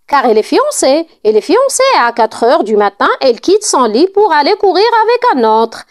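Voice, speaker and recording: A woman's voice: sits high, big pitch swings, normal speed. A woman reading aloud in the part of an old nurse, scolding and fretful, with indignant outbursts.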